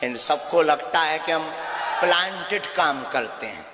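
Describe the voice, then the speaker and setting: A man preaching from a stage who scolds and commands, swinging between loud declarations and low muttering. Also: animated, unhurried, roomy sound, big-room sound, noisy background. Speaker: spiritual preacher holding court. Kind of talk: stage exchange before a crowd. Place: large hall with a stage.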